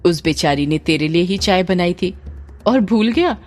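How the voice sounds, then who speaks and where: A woman voicing a gentle, kindly older aunt who soothes and coaxes the family in a spoken story. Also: lowish voice, lively intonation, normal speed. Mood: gentle coaxing. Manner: coaxing, gentle.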